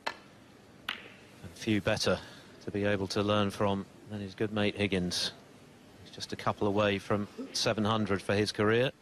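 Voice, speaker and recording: A man's voice: on the low side, level tone, moderate pace, slight background noise. A man giving snooker commentary in articulate, formally phrased, considered sentences. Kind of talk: sports commentary. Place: live snooker broadcast commentary.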